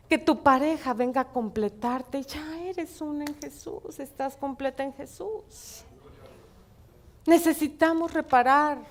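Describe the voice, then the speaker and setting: High-pitched woman preaching. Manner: expressive, swings between hushed and loud. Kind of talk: sermon with personal stories.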